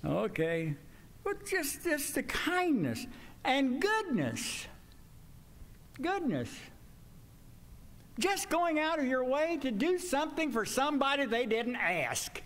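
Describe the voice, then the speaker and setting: A man's voice: huge pitch swings, slow, pauses often, fairly bright tone. An older man preaching a folksy, conversational sermon in a church sanctuary, his voice climbing when he presses a point. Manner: folksy, conversational, pitch swings up when emphatic. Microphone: stand mic at pulpit.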